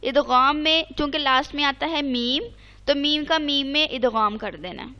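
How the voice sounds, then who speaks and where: High-voiced woman teaching Quran recitation. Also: sharp tone. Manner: patient, repeats rules and checks understanding; chants Arabic examples slowly. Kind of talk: online tajweed lesson.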